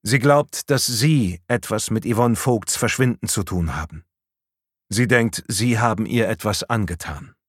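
A man's voice: lowish voice, unhurried, husky, no echo, clean studio sound. Pointed policewoman pressing a suspect, voiced by a man. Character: female police officer, accusing.

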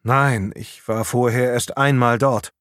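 A man's voice: medium pitch, steady tone, takes it slowly, fairly bright tone, no echo, clean studio sound. A man playing a bewildered husband who stammers his denials in an audiobook. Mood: defensive. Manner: stammering, disbelieving.

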